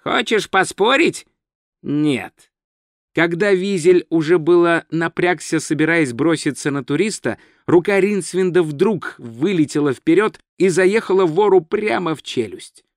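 A man reading a humorous fantasy novel aloud as audiobook narrator, steady and measured. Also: fairly high pitch, no room sound, clean studio sound.

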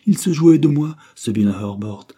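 Warm and husky, with a fairly low pitch and moderate pace, a man reads an audiobook character: a dying woman who is proud, wild, and distraught. His delivery is agitated and anguished, vehement, with bursts of anger.

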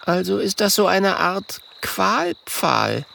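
A man's voice: high-pitched, sing-song, slow, gravelly, bright, forceful tone, slight background noise, pitched above the performer's own voice, exaggerated voice. A man doing a young anxious dragon. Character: young male dragon, anxious but thoughtful.

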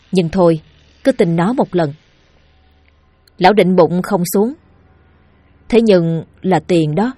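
A woman narrating a village ghost story in a lively storytelling manner. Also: lowish voice, husky, no echo.

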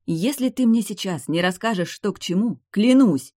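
A man voicing a fiery, indignant young vampire woman who makes sharp, insistent demands. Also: sits high, animated, moderate pace, no echo, studio quality, voice pushed up. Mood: threatening.

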